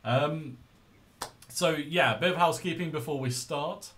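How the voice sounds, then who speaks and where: A man's voice: fairly high pitch, measured pace, fairly bright tone, slight background noise. A man hosting a podcast in casual, informal, rambling style, speaking into a laptop's built-in microphone. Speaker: podcast host.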